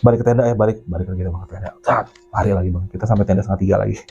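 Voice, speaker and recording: A man with telling a mountain ghost story in casual chat, animated and swearing, acting out the voices of the people in it. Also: on the low side, very fast, vocal fry, slightly rough, highs cut off, faint music behind. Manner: animated, acts out his own and others' quoted lines; swears casually, keeps addressing the listener as Bang.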